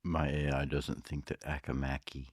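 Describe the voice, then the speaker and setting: A man co-hosting a podcast in casual banter, firing off deadpan wisecracks. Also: rumbling low, normal speed, dry recording, clean studio sound, soft background music. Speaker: podcast co-host. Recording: very noisy recording.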